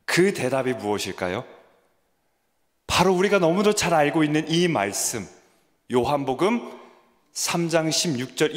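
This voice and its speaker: A man preaching a sermon as a junior pastor, questioning his listeners and building to emphatic peaks. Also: on the high side. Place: church sanctuary. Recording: long church reverb.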